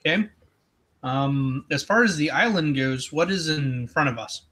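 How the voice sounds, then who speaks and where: A man's voice: on the high side, expressive, unhurried, sharp tone. A man playing a tabletop game, thinking aloud hesitantly as he asks the game master questions. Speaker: player.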